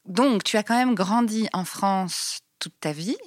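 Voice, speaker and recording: Woman, news reporter, brisk probing questions, voice-over narration, dry close mic. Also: mid-range voice, dry recording.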